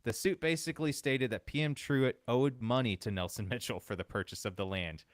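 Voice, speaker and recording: A man hosting a podcast, telling a story in relaxed casual chat and laughing often. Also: mid-range voice, fairly quick, dry recording, clean studio sound. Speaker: podcast host.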